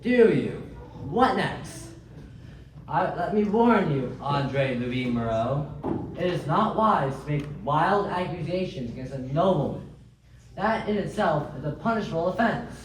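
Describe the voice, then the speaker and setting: An actor playing a haughty noble magistrate with a pompous, scornful manner. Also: male voice, on the high side, expressive, unhurried. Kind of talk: radio drama acting. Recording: echoey, distant, faint noise.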